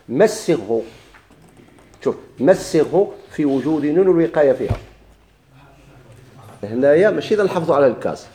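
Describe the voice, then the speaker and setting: A man's voice: medium pitch, warm tone. A man with a Moroccan Arabic accent teaching a grammar lesson, asking his class questions and answering them himself while he repeats the key points.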